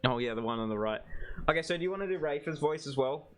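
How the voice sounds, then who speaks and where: A man's voice: on the high side, lively intonation, quick pace, faint music behind. A man streaming a game, chatting casually and coaching his co-player on voices. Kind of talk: casual chat while playing a game.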